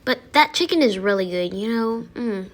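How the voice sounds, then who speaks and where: A woman with a slightly high voice speaks at normal speed in a casual food-review voiceover. She's excitable and gushes over the food while music plays behind her.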